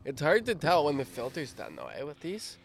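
A man in a casual podcast chat, high on weed, giggling and easygoing. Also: sing-song, fairly quick, creaky. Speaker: podcast co-host.

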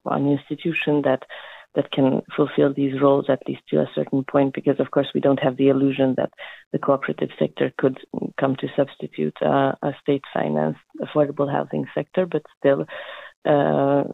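A man, a housing cooperative activist, answers in a panel discussion in a halting way, searching for words over a video call. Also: medium pitch, monotone, creaky, dry recording. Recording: tinny phone-like line, dry.

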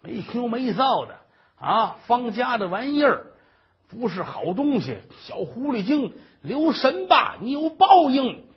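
A man voicing a spiteful, bossy old mother-in-law who screeches curses in a raspy voice, in a dull lo-fi recording. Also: big pitch swings, unhurried, full character voice. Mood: cursing. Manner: screeching, cursing in high bursts. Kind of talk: comic storytelling.

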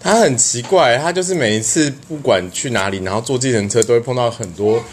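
A young man with a Taiwanese Mandarin accent, telling a story as a podcast co-host in casual chat, animated and often laughing. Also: mid-range voice, fairly quick, slight background noise.

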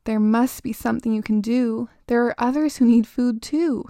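Storybook monster: a giant hungry fly, eerie and pushy, hissing in a hushed voice that hardens into demands, as a woman puts it on, gravelly edge, dark tone. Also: on the high side, moderate pace, dry recording, clean studio sound, natural voice. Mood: pleading. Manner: whispering, then insistent and demanding.

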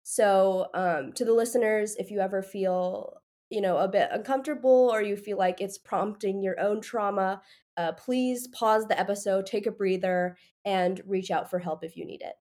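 A woman's voice: medium pitch, moderate pace, darkish tone. A woman hosting a podcast interview, her voice a little nasal and stuffy from allergies, upbeat and chatty with frequent fillers. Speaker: podcast host.

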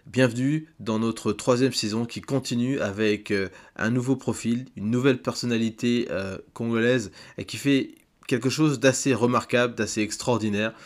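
A man hosting a podcast interview, enthusiastic and often pausing on fillers. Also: mid-range voice, fairly even intonation. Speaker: podcast host.

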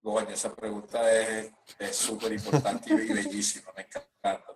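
A Venezuelan man, a guest rapper in a casual podcast chat, blunt and animated with heavy slang. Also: on the low side, normal speed, slight background noise, low-quality recording.

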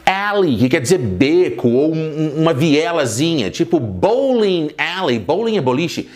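Professor homem, voz aguda e expressiva. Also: male voice, fairly high pitch, sing-song, darkish tone, faint music behind. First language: Portuguese. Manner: clear, drawn-out model pronunciations. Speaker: English teacher. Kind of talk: podcast pronunciation lesson.

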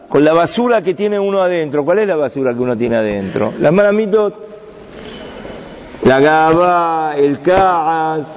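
A man's voice: fairly high pitch, a little mellow, slight background noise. A man teaching a Torah lesson to young students, asking the class questions and answering them himself. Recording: dull sound with long reverb.

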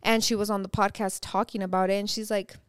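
A woman's voice: mid-range voice, flat delivery, quick pace, clear, resonant tone, dry recording, studio quality. A woman, guest on a podcast, giving an earnest, encouraging motivational talk. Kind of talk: casual chat, giving motivation.

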